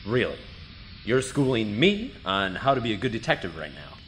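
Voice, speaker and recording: A man's voice: on the low side, big pitch swings, moderate pace, a bit bright, faint music behind. A man playing an exasperated, flustered detective. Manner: exasperated, protesting.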